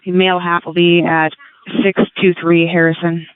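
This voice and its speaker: A woman's voice: on the low side, little pitch movement, moderate pace, clear, resonant tone, no room sound. A woman working as a police dispatcher, giving clipped codes over a police radio transmission. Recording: tinny radio band, dry.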